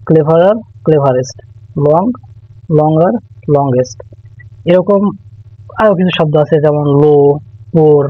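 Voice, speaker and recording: A man with a slightly high voice teaches grammar at a steady, patient pace, repeating each rule and pausing now and then to think. The sound is thin and phone-like, recorded close in a dry room with no echo. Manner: patient, repeats key rules, thinks aloud. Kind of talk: explanatory online lesson.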